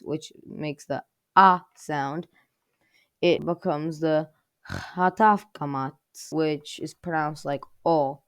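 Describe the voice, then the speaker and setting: A woman hosts a casual language review show, rambling through her thoughts and leaning on "like" as filler. Her voice sits a little low. The sound is dry and close, with no room echo. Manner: rambling, heavy use of filler "like". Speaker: host.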